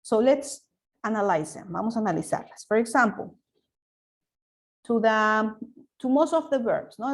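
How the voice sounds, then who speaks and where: Fairly high-voiced woman teaching grammar. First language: Spanish. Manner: switches between Spanish and English, explains patiently with asides. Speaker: English teacher. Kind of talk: recorded online grammar lesson.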